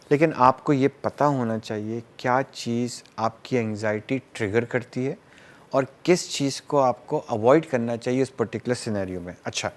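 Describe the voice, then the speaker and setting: A man, a psychiatrist guest who explains through everyday examples and mixes English terms into his talk. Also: mid-range voice.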